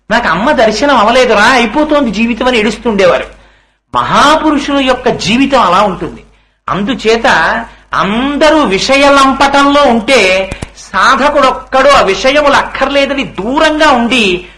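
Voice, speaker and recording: Bright high-voiced man giving a sermon. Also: low-quality recording. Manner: rhetorical questions to listeners; chants Sanskrit verses slowly. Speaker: religious discourse speaker. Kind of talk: devotional sermon on scripture.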